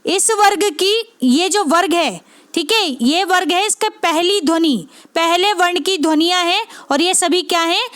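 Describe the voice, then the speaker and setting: A woman's voice: extremely high pitch, normal speed, fairly bright tone. A woman teaching a lesson for exam prep, asking and answering her own questions and checking in with her class again and again. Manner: repeats points with constant check-ins to the class.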